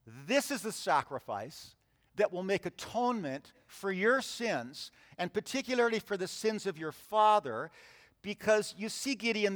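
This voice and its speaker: Male preacher, slightly high voice, lively storyteller who acts out the characters, recorded in a long-reverb hall. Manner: animated storytelling, acts out voices in the scripture reading. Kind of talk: sermon.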